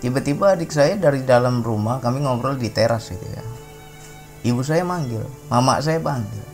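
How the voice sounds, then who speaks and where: A man's voice: medium pitch, animated, moderate pace, a little mellow, faint music behind. Sumatran man giving a chatty spiritual talk. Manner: conversational, peppers sentences with a questioning "ya". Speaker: religious talk speaker.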